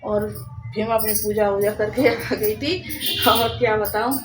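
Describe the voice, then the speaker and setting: A young woman with a hoarse, sore-throated voice chatting casually to her viewers at home, rambling with restarts. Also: mid-range voice, steady tone, unhurried, over music, poor audio. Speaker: vlogger. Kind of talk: casual vlog chat to viewers. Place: home, indoors.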